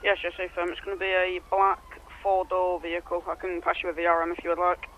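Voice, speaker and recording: A man role-playing a patrol officer over two-way radio, speaking in halting procedural phrases. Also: high-pitched, monotone, narrow, tinny audio, a little hiss or hum. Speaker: police patrol officer in a role-play game. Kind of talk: radio dispatch role-play chat.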